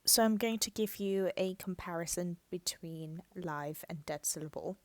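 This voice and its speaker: A woman's voice: lowish voice, normal speed, darkish tone, no echo. A woman teaching a language lesson, patiently explaining step by step and repeating words for practice. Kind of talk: slow, careful lesson narration.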